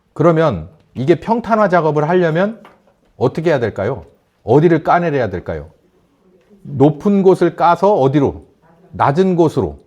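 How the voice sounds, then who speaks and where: A male pastor preaching a sermon, asking the congregation questions and acting out shouted quotes. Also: fairly high pitch.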